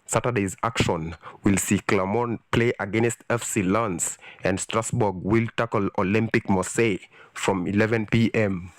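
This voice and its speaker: A man's voice: fairly low pitch, normal speed, no echo. Man reading sports fixtures, dry sound. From Kenya. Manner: steady listing of fixtures and kick-off times. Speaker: sports reporter. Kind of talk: scripted sports news read.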